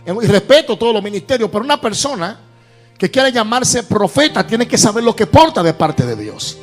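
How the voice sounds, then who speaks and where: A male pastor with a Caribbean Spanish accent delivers a prophetic Pentecostal sermon. His voice sits extremely high for a man, and he declaims with emphasis, repeating phrases to drive them home. Music plays behind him. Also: very animated, moderate pace. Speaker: pastor preaching.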